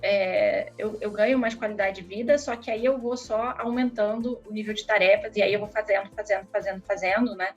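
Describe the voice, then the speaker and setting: A woman's voice: mid-range voice, steady tone, fairly quick, hardly any pauses, faint music behind. Brazilian woman on a dull lo-fi recording. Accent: Brazilian Portuguese. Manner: reflective, thinks aloud with fillers and tag questions. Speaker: podcast co-host. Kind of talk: casual chat.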